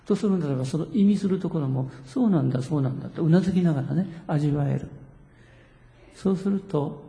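A male pastor preaching to a congregation, gently coaxing and asking them questions. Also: fairly high pitch, fairly quick, vocal fry. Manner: gentle, coaxing, asks the audience questions, chuckles. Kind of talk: sermon to a congregation. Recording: roomy hall reverb.

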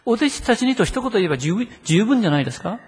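A man's voice: sits high, big pitch swings, fast, husky, long reverb tail. A man preaching a sermon in a conversational way, often asking the listeners rhetorical questions. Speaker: pastor.

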